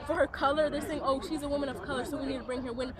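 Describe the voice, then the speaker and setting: Impassioned young woman at a loud protest. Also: sits high, fairly even intonation, racing. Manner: emphatic, uses "like" a lot. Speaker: student protester. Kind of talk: impassioned street interview. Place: outdoors at a protest. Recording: outdoors amid loud crowd.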